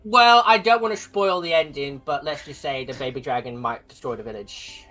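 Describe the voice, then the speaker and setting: A woman's voice: deep voice, normal speed, fairly bright tone, soft background music. A woman voicing a chatty old male shopkeeper with false teeth and a lisp, rambling through his sales patter.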